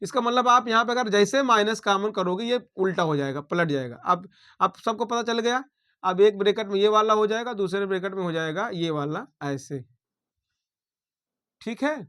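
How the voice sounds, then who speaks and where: A male maths teacher talks through a problem at a steady classroom pace, naming every sign and step as he works. His voice sits noticeably high for a man. He keeps checking in with the class. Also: normal speed, clean tone. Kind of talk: blackboard maths lesson.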